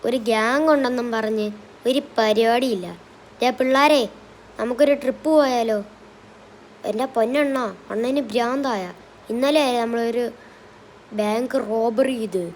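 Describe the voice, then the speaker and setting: A woman narrating for a gaming channel tells a comic gangster game story, playfully switching between character voices. Her voice is a little high with a darkish tone and fairly even intonation, unhurried and full of pauses. The rough recording has slight background noise.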